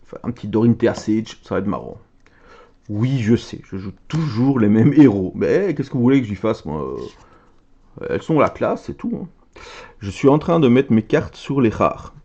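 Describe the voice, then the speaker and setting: A man from Belgium chatting casually as he opens trading cards, excitable and chatty, reading card names aloud. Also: on the low side, husky, dull audio. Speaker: card game content creator. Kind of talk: casual card-opening commentary.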